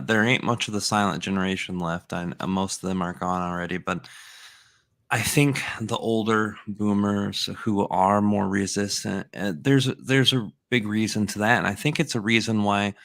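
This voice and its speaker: Low gravelly man in his forties, reflective. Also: a bit bright, no room sound. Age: 40s. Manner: reflective, meandering, many fillers. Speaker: podcast host and channeler. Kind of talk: casual conversation.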